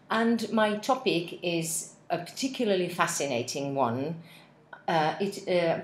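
Speaking in a fairly low pitch, a woman in her forties whose first language is Finnish gives interpreters a practice speech full of hesitations and spelled-out words. She's captured on a laptop webcam in an office meeting room with window blinds; the room is echoey and there's a bit of background noise.

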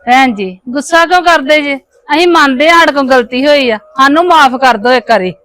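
A woman's voice: high-pitched, brisk, a bit bright. A woman in a family drama, playing a mother-in-law who pleads and apologises to get her grandson back. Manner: pleading, self-pitying. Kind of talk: scripted village family drama.

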